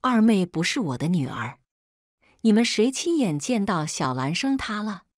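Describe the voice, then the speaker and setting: A woman voicing an angry rural father who shouts threats, read in a story. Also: mid-range voice, very animated, moderate pace, no echo, clean studio sound. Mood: defiant.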